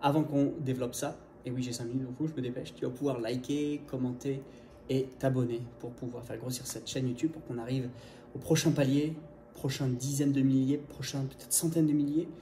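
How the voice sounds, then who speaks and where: A man teaching in a lively video lesson, rushing through points and speaking straight to his viewer. His voice is mellow and dark, and it rings in an echoey room with a faint hum of ambience behind it. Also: mid-range voice. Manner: lively, fast, direct to viewer. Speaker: English teacher.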